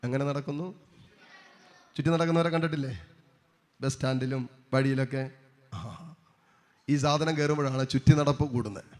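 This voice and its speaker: A man's voice: medium pitch, moderate pace, pauses often, in a large hall. A man preaching a sermon as a priest, declaiming with rising emphasis, calling out hallelujahs and asking the congregation rhetorical questions.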